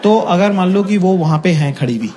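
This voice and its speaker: A man's voice: high voice, moderate pace. A man performing a stand-up comedy routine, telling stories and acting out the people in them. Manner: animated storytelling, acts out quoted voices. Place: comedy venue with a laughing audience, played back in a reaction video. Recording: loud crowd laughter and noise.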